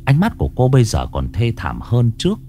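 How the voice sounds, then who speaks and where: A man narrating a scripted ghost story in a dramatic, expressive reading. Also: medium pitch, brisk.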